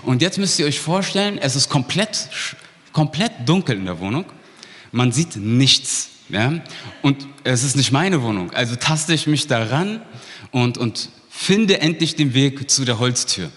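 A man giving a sermon, telling a story with lively detail and checking in with the congregation as he goes. His voice sits at an ordinary middle pitch. A long reverb trails after his words, as in a large hall. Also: a little slow. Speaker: preacher. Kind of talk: sermon with a personal story and Bible reading.

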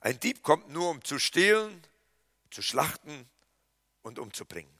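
A male pastor delivers a sermon in a bright, forward voice pitched a little high. He moves between emphatic, louder lines and hushed, quiet ones. The recording is close and dry, with no room sound. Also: big pitch swings, a little slow, dry recording.

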